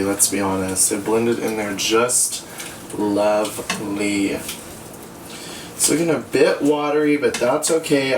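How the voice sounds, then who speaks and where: A tipsy, giggly American man in his twenties, sassy and sweary, giving casual cooking commentary to a camera a few feet away. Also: medium pitch. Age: 20s. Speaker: host of a home cooking show. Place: small cluttered home kitchen. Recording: echoey kitchen, distant mic, pan noise. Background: sizzling pan and clattering utensils.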